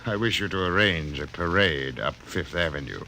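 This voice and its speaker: A man's voice: low voice, animated, normal speed, pushed and bright, full character voice. An actor playing a mysterious, coolly sinister client in a mid-century radio drama, speaking formally and precisely, savoring his words. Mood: commanding. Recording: noisy old radio broadcast recording.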